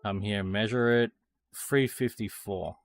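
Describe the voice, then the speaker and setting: Slow-talking Australian man streaming sim racing. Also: on the low side, fairly even intonation, a little hiss or hum. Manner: thinking aloud while tuning a car, chatting with viewers; swears casually. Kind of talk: casual live-stream commentary.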